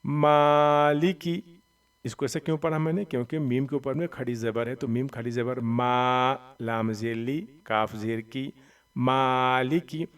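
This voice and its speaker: A man teaching Quran reading, spelling out letters slowly and loudly and then explaining quickly and softly, often checking "theek hai?". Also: mid-range voice, fairly even intonation, far from the mic. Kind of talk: slow step-by-step recitation lesson.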